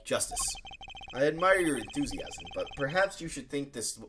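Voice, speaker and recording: A streamer voicing a confident young male prosecutor in a game, in a lowered, smug, relaxed tone. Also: moderate pace, over music, lightly acted. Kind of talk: game let's play voice-over.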